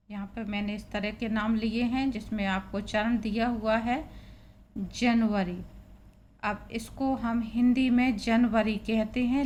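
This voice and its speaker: Woman teacher, talks real slow, spells stuff out, faint hum behind. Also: on the high side, a little mellow. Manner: spells out letters and repeats words slowly. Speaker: English teacher. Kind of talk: slow, patient spoken lesson.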